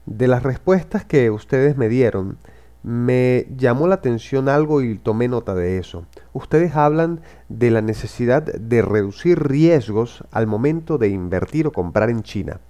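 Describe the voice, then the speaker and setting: Male podcast host, formal and measured, mellow tone. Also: medium pitch, expressive. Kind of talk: interview podcast.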